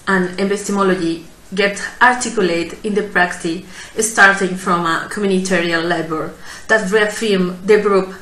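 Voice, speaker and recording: A woman's voice: fairly low pitch, a bit bright, reverberant, low-quality recording. A woman from Chile, a native Spanish speaker with a Chilean Spanish accent, gives a remote conference talk as a clinical sociologist in careful English with frequent fillers and restarts. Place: her office.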